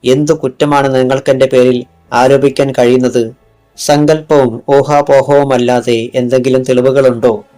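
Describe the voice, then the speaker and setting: A smooth, evasive male doctor in an audiobook thriller, read by a man. He stays polite and calm, brushing off every charge. Faint music runs behind him. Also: mid-range voice, moderate pace, natural voice.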